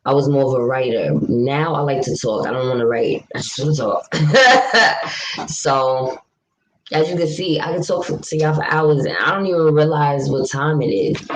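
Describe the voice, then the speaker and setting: A young New York woman with a low, deep voice chats frankly and at length on a livestream, easily answering viewers' comments at a normal pace. The recording is rough, with faint noise underneath.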